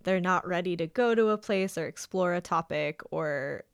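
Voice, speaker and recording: A woman's voice: on the low side, moderate pace, smooth. A woman hosting a podcast, asking friendly, curious questions and sharing her own work as a music therapist. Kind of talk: casual podcast interview.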